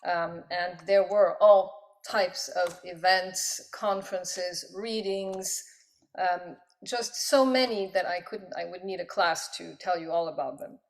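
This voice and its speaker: A woman's voice: fairly low pitch, fairly even intonation, slow pace. A middle-aged woman answering interview questions thoughtfully, with frequent ums. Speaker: guest, professor and poet.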